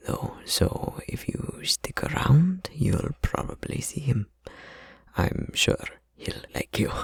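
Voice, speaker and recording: A man performs a heavily acted ASMR roleplay as a laid-back, talkative tattoo studio worker, his breathy, husky speech casual and rambling. His pitch is medium, and there is no echo.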